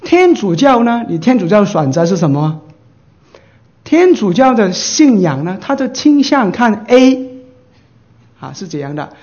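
A man delivers a sermon in a notably high voice. He keeps putting questions to his listeners and answering them himself, and he breaks into livelier voices for quoted exchanges. The recording sounds dull and lo-fi. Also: sing-song, unhurried, darkish tone. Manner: acts out short quoted dialogues in livelier voices. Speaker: pastor.

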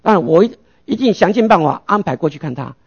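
A man's voice: high voice, lively intonation, quick pace, husky, muffled recording. A male pastor preaching a sermon, asking rhetorical questions and answering them himself.

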